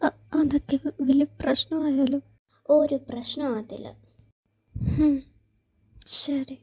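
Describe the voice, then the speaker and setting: A woman voicing two young women friends, one tearful, in an amateur audio drama, talking in hushed half-whispers. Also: sits high, fairly even intonation, takes it slowly.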